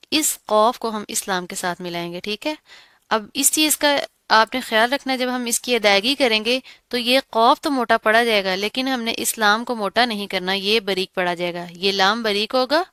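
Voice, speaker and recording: A woman teaching a Quran recitation lesson, explaining each rule step by step and repeating words slowly. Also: mid-range voice, sharp tone, clean tone, no echo, studio quality. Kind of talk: tajweed lesson.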